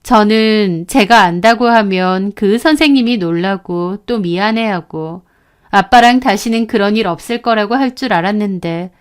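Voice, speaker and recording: Smooth-voiced woman narrating a story. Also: medium pitch, normal speed. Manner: confiding storyteller, plain and steady. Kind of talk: scripted first-person story narration.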